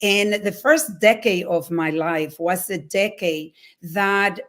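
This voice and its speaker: A woman's voice: mid-range voice, slow pace, a bit bright. A middle-aged woman from the Republic, a guest on a talk show, grateful and open as she speaks about her life. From Dominican Republic. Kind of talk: interview answers.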